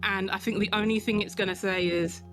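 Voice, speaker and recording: A woman's voice: mid-range voice, steady tone, a little fast, over music, low-quality recording. A woman playing a tabletop game, casually narrating what her character does.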